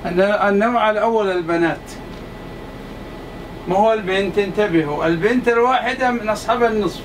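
A man's voice: high voice, brisk. A man teaching a class, stressing and repeating each point to his students. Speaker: lecturer. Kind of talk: classroom lecture. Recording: distant mic, faint air-conditioner hum.

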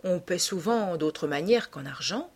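A gentle painter speaks slowly and gravely, weighed down by conscience, as a woman narrator reads his lines. His words come measured and sober. It is an audiobook reading. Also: fairly low pitch, lively intonation. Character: troubled, gentle male painter.

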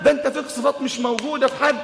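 An Egyptian-accented man speaking as a devoted wife who reassures her frightened husband with gentle questions. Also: extremely high pitch, steady tone, racing, gravelly, heavily acted. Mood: reassuring. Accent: Egyptian Arabic. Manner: pleading, soothing questions. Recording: echoey hall with long reverb.

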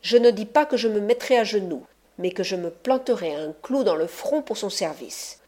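A woman's voice: mid-range voice, expressive, normal speed, dark tone, close to an everyday voice. A woman reading an audiobook, voicing a proud, hot-tempered male ruffian who boasts and threatens. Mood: blustering.

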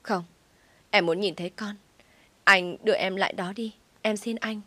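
A woman's voice: mid-range voice, steady tone, moderate pace, bright, forceful tone, dry recording. A woman voicing a desperate young mother who sobs and pleads. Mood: pleading. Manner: sobbing, pleading.

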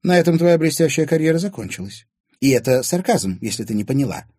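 A man's voice: fairly high pitch, animated, fast, warm tone, husky, no room sound, clean studio sound, pitched above the performer's own voice. A man voicing a merciless, sarcastic young woman mocking her stepmother. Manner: sarcastic, cutting.

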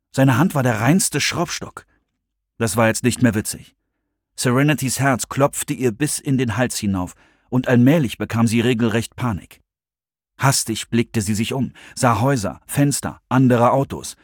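A man narrating an audiobook in expressive, scripted storytelling. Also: mid-range voice, measured pace, dry recording, studio quality.

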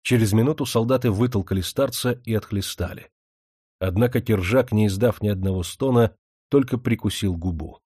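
A man reading a historical novel aloud as narrator, steady and even. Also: lowish voice, normal speed, slightly rough, no echo, clean studio sound. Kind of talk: scripted audiobook narration.

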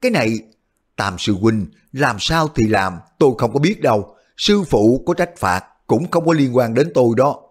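A man voicing a hot-tempered, blunt and honest short male martial artist who blurts things out loudly. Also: mid-range voice, sing-song, normal speed, husky. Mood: agitated. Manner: loud, hasty outbursts.

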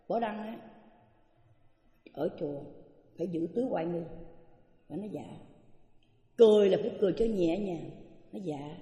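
An older woman, a Buddhist teacher giving an anecdotal dharma talk, acting out the voices of the people in her stories. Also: mid-range voice. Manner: animated storytelling, acts out quoted speech. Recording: echoey hall, dull lo-fi sound.

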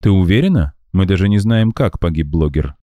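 A man's voice: deep voice, expressive, fairly quick, warm tone, dry recording. A man voicing a serious young male medium in an audiobook. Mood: intent. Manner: intent, serious.

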